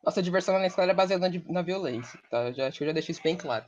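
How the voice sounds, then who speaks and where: A young man, joking quickly in street slang as a podcast guest. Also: sits high, slight background noise. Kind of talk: casual storytelling chat. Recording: dull lo-fi audio.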